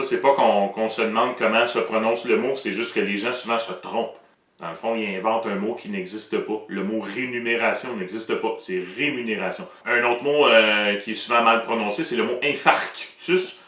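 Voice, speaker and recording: Playful Québécois man, bright roomy sound. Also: on the low side, distant mic. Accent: Québécois French. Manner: playful, joking, lively. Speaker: educational show presenter. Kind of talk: casual educational explainer.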